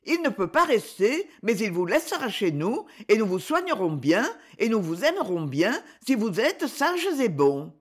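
A woman's voice: medium pitch, big pitch swings, moderate pace, hardly any pauses, breathy edge. A woman voicing a kind, cheerful young woman who reassures children. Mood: kindly. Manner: warm, reassuring.

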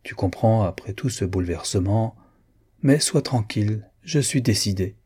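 A man reading an audiobook and voicing a proud, wary young woman in a slightly raised, measured tone. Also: lowish voice, animated, mellow, slightly rough. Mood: thoughtful.

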